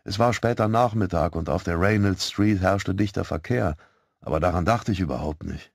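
A man narrating an audiobook in the first person, calm and measured. His voice sits low, and the recording is dry and close with no room sound. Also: creaky, husky, dry recording.

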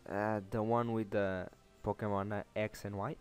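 A man's voice: fairly low pitch, flat delivery, moderate pace, clear, resonant tone, faint music behind. A young man co-hosting a game playthrough, answering briefly and casually. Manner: brief, laid-back replies. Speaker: co-host. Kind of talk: casual gameplay chat.

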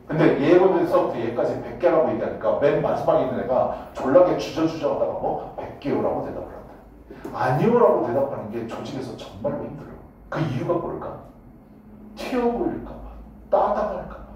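A man's voice: on the high side, a little mellow, slight background noise. Joking, foul-mouthed male teacher in an echoey room. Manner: blunt, joking, swears casually, keeps asking students "got it?". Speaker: high school English teacher. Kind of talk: casual classroom lecture. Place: classroom. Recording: echoey classroom from a distance.

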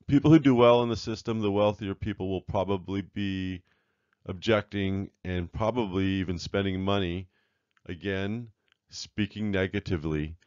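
A man with a very low voice delivers a measured, earnest lecture over slides, now and then pausing on fillers and restarting a word. The recording is dry and a little dull in tone, with no room sound around him. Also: a little mellow, clean tone, no room sound. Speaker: author presenting his book. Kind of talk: slide-show lecture narration.

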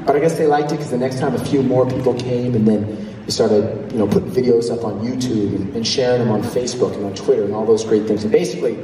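A fast-talking man from Littleton, Colorado, with a medium-pitched, dark voice, sings in a vocal group and addresses fans from a large indoor theater stage. His handheld mic runs through the PA, and the clip was captured from the audience, so it sounds distant and echoey in the concert hall, with crowd noise around him.

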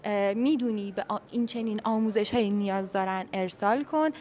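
A woman's voice: mid-range voice, darkish tone. A young woman from Iran, an English teacher giving a casual video lesson, chatty and often checking in with "okay?". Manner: chatty, repeats "okay?" often, switches between Persian and English. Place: office with colleagues leaving.

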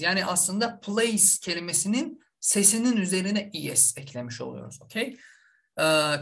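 A man's voice: high-pitched, a bit bright. A man from Azerbaijan, teaching an online language lesson and drilling each word over and over, with a frequent "okay?" to check in. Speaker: English teacher.

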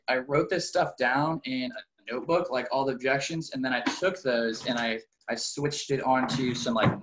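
A man's voice: medium pitch, fairly bright tone, slight background noise, low-quality recording. A man in his early twenties talking in a casual, motivational way, informal and slangy, often saying "like". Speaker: car salesman in training, military veteran.

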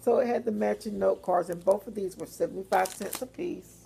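A woman's voice: medium pitch, brisk, gravelly, warm tone, breathy edge. A woman chatting casually in a rambling, informal way for a home haul video. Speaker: vlogger. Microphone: phone or webcam.

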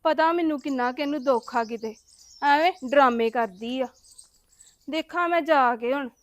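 Actress as a resentful young daughter-in-law, very high and dry-sounding, talks back defensively. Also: female voice, a little fast, dry recording. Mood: muttering. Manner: complaining, defensive back-talk. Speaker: daughter-in-law in a family drama. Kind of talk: web series family drama acting.

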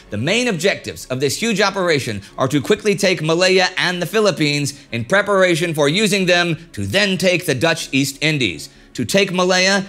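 Wearing a lapel mic at a desk on an indoor studio set styled as an office, a middle-aged man hosts a history show, presenting a script conversationally with wry asides. His voice is fairly high in pitch, pushed and bright.

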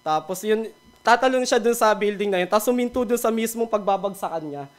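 Filipino male devotional speaker, high voice, relaxed sermon, cracks small jokes. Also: brisk. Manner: mixes Tagalog and English, laughs at his own jokes.

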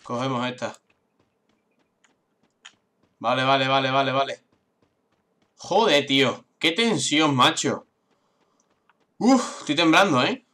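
Young male gaming YouTuber, bright tense tone, repeats words in frantic bursts. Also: mid-range voice. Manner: excitable, swears, repeats words rapidly. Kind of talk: live gameplay commentary.

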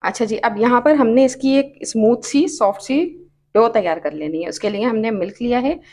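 A woman's voice: on the high side, moderate pace, darkish tone. Patient woman with a Pakistani Urdu accent teaching a recipe. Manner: patient, repeats each step and tip. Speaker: cooking channel host. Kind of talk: step-by-step recipe instructions. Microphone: off-camera voice over hands-only cooking shots.

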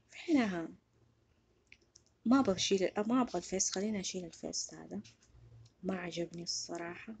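A woman giving chatty, excitable game commentary to her viewers. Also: medium pitch, creaky, breathy edge. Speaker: gaming YouTuber.

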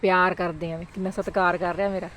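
A woman chatting casually for a village vlog outdoors, animated and given to exclaiming and playful calling out. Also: fairly low pitch, fast, a little hiss or hum. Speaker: village vlogger.

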